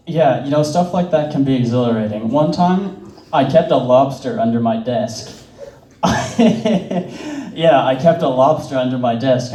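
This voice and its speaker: A man's voice: mid-range voice, warm tone. Rambling young man, roomy distant sound. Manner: rambling, filler-heavy, laughs at his own jokes. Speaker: stand-up comedian. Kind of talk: stand-up storytelling.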